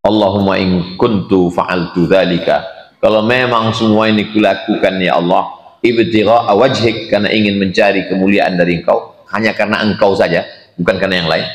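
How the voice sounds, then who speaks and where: A man giving a sermon, reciting Arabic phrases and translating them with animated, sudden jumps in pitch. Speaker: Islamic preacher. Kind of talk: sermon teaching a hadith. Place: large echoing hall at a dawn gathering. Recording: roomy hall reverb.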